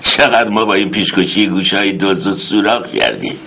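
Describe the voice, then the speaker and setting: A man's voice: sits low, sing-song, vocal fry, bright, forceful tone, slight background noise. A man in a comedy sketch, playing a mock-menacing interrogator with theatrical threats. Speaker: comic interrogator.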